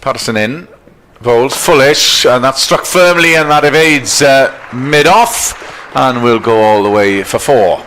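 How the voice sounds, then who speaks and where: A man's voice: medium pitch, a little slow, fairly bright tone, a little hiss or hum. A man giving live cricket commentary, describing each delivery and appreciating the shots.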